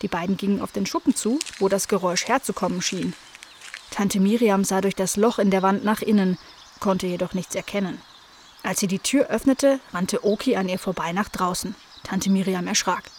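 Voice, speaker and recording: A woman reading a children's story aloud, gentle and even, at a mid pitch. Faint outdoor noise sits behind her voice. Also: moderate pace. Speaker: narrator.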